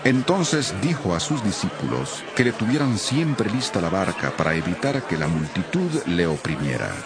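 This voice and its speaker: A man narrating a Bible reading in a solemn, expressive scripted style. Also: low-pitched, normal speed, background noise.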